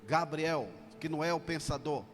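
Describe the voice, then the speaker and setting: A man's voice: on the high side, normal speed. A man preaching a sermon as pastor, commanding and calling on his congregation. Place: church hall. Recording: reverberant church hall with music. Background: music.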